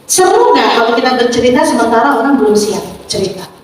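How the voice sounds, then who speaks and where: A woman coach leading a workshop for teachers, lively and drawn-out on stressed words, often asking the audience questions. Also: on the high side. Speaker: storytelling coach. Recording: echoey hall, far from the mic, crowd noise.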